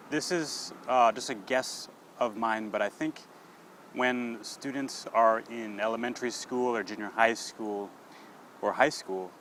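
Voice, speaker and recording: A man's voice: fairly low pitch, fairly bright tone, slight background noise, rough recording. A man hosting an English-learning podcast, explaining patiently and checking in often with "okay?". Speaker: English teacher.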